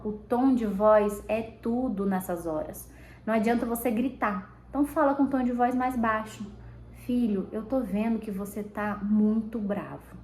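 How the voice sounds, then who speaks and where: A woman with a Brazilian Portuguese accent giving parenting advice in a conversational, animated way, acting out parent and child lines. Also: fairly high pitch, reverberant, poor audio. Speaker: parenting educator. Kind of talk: direct-to-camera parenting advice.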